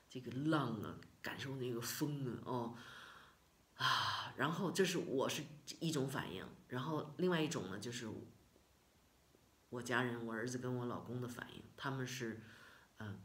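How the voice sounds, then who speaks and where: A middle-aged woman from China telling a personal story in a casual vlog, emotional and expressive, with many repeated words and sighs. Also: a bass voice. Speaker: vlogger.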